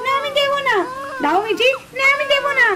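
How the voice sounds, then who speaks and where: A woman voicing a mischievous, stubborn little girl doll in a puppet cartoon, with a shrill and insistent way of talking. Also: animated, brisk, bright, forceful tone, heavily acted. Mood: defiant.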